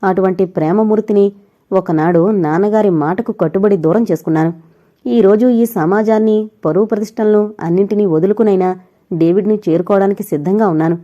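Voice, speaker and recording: A woman's voice: mid-range voice, a little fast, warm tone, highs cut off, lightly acted. A woman voicing a young married woman who pleads and weeps over her dying lover, in a storybook reading. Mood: pleading. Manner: tearful, pleading.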